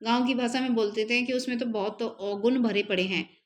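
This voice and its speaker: A woman teaching an exam-prep spelling lesson, repeating each word slowly and carefully so students can copy it down. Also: on the high side, fairly even intonation. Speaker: Hindi teacher.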